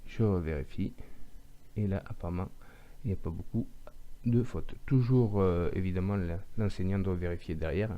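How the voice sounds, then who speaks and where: A man with a regional French accent, a teacher showing software step by step in a screen-recorded tutorial and reading punctuation aloud as he dictates. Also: low-pitched, normal speed, lo-fi sound.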